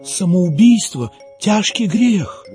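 A man's voice: fairly high pitch, sing-song, normal speed, darkish tone, soft background music. Man doing a nervous young clerk. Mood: earnest. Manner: stammering, earnest. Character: young nervous male clerk, earnest, pleading.

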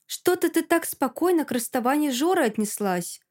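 Woman voicing a spiteful shrill young woman. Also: expressive, measured pace. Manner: hissing, shrill, mocking.

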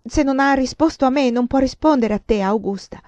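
Woman narrator voicing an overwrought young woman in a storybook reading, strained near tears, mellow tone, dull lo-fi sound. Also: a little high, normal speed, no echo, voice pushed up, lightly acted. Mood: furious.

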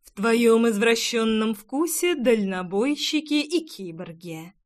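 A woman's voice: fairly high pitch, expressive, slow pace. A woman doing a drawling, bossy girlfriend. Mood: teasing. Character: bossy, teasing adult female friend.

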